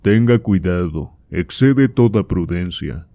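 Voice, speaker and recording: An anxious cardinal pleads in a slow, earnest voice, read by a man narrating a novel. The voice is low and dark. The recording is dry and close. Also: animated, no echo, heavily acted. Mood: pleading.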